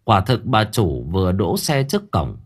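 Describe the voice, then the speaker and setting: Husky, lively male storyteller. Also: on the low side, normal speed. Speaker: narrator. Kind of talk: audiobook story reading.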